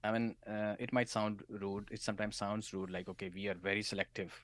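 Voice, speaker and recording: Low-voiced male podcast guest. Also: level tone, brisk, dry recording. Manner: advice-giving, often tags "right?". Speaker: solutions architect, guest. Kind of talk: casual interview chat.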